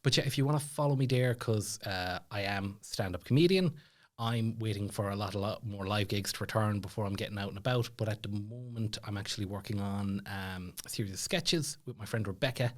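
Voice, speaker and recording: An Irish man with a fairly low voice talks a little fast as a podcast guest. He tells casual stories in a chatty, self-deprecating way, like a stand-up comedian off stage.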